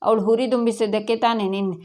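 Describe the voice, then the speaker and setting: A woman's voice: a little high, fairly even intonation, a little fast, darkish tone, natural voice. A woman voicing a stern middle-aged man who heads the household, scolding and laying down rules.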